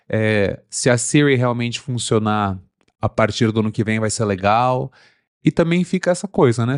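Man, Brazilian Portuguese accent, opinionated, casual tech chat, mid pitch, dry close sound. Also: no room sound. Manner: opinionated, conversational. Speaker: tech podcast co-host.

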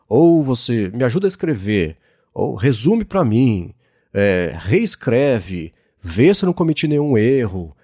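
A Brazilian man co-hosting a tech chat, walking through ideas with lots of asides and restarts. His voice rises and falls in a lively way. It sounds close and dry, with no room around it. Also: medium pitch, no echo. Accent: Brazilian Portuguese. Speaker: tech podcast co-host. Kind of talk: casual chat.

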